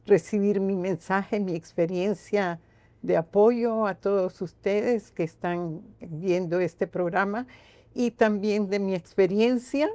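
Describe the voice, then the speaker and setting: Older woman guest with a Costa Rican accent, husky and fry-laced, mellow tone, slow earnest telling. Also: on the low side, no echo. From Costa Rica. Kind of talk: reflective personal storytelling.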